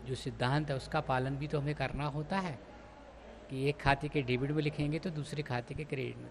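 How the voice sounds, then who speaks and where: A man's voice: a little high, a little hiss or hum. Man teaching accountancy to a class. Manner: explains step by step, addresses students as children. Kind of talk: classroom lecture.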